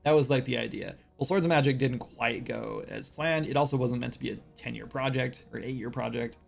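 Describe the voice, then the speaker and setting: Soft music plays under a creaky, medium-pitched male voice speaking fairly quickly. He's in his late thirties, casually chatting during a game dev stream as he works, rambling, self-mocking, and heavy on fillers.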